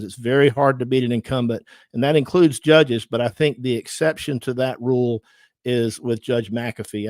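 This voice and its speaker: A man's voice: mid-range voice, darkish tone, no room sound, clean studio sound. A middle-aged man with a Southern Georgia accent hosts a casual livestream, chatting with viewers, thanking them and using many fillers. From Georgia, USA. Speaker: livestream host and lawyer.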